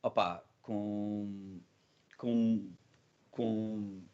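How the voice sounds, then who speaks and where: A man with a European Portuguese accent talking casually in an interview as a band musician, earnest and halting, repeating words and using slang. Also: on the low side, little pitch movement, a little mellow, clean tone, highs cut off.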